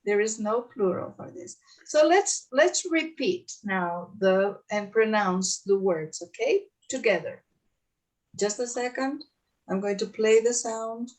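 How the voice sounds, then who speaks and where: A woman teaching an English class, drilling pronunciation and correcting students slowly and clearly. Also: mid-range voice, expressive, darkish tone, far from the mic. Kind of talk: online English lesson.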